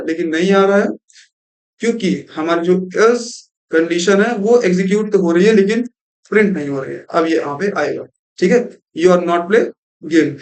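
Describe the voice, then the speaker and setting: A young man gives a screen-recorded programming lesson in a high-pitched, darkish voice, and the recording is rough. As a tutor he explains step by step, repeating "thik hai" and mixing in English terms.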